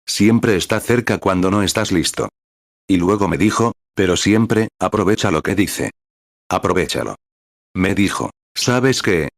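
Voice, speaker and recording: A man reading a sermon aloud in a steady, measured way, calling out paragraph numbers as he goes. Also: sits low, gravelly, no room sound, clean studio sound. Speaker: sermon reader.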